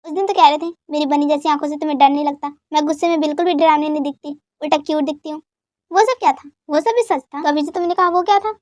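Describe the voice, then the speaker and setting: A woman's voice: high-pitched, fast, darkish tone, no room sound, lightly acted. A woman voicing a feisty arguing young woman. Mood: indignant. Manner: indignant, argumentative. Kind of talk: Hindi fan dub drama.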